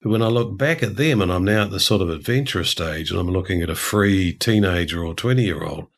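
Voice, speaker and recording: A man's voice: low-pitched, fairly quick. An older man from New Zealand explaining ideas in a discursive, chatty way, full of asides. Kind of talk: casual conversation.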